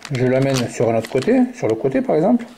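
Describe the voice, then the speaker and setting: A man's voice: medium pitch, sing-song, fast, noisy background. A man giving a step-by-step puzzle tutorial, muttering the colors and moves aloud as he works.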